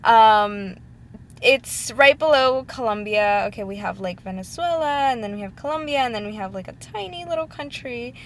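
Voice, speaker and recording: A woman's voice: a little high, expressive, moderate pace, a little hiss or hum. A young woman of about twenty from Ecuador, talking casually and heartfelt to her laptop webcam, rambling with many ums and likes. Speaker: vlogger. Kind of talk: casual talk to camera. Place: indoors at home, sitting at her computer. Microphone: laptop webcam mic.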